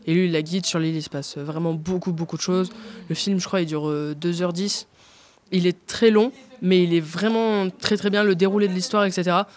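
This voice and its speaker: Brief: woman guest, casual chat, halting delivery full of fillers and trailing "and so on"s. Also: lowish voice, fairly even intonation, darkish tone. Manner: hesitant, many fillers and restarts; tacks on "and so on" often. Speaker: interview guest.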